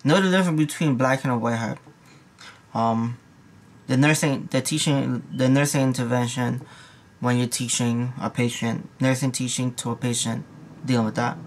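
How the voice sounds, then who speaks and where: A man's voice: medium pitch, steady tone, normal speed, slight background noise. A young man and nursing student giving a casual, rambling exam review, full of slang and repeated asides. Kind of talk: casual study review vlog.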